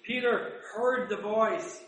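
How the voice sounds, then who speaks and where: High bright-voiced man teaching scripture. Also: steady tone. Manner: chatty, asks rhetorical questions, reads verses slowly. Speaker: Bible teacher. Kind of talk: conversational Bible teaching. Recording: roomy echo, distant mic.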